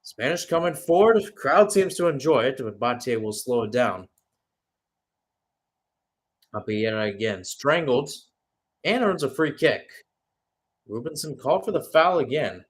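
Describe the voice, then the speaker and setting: This is live radio sports commentary from a man whose mid-range voice sounds animated yet unhurried, with frequent pauses. He calls the football action and drifts into chatty, reflective analysis between plays.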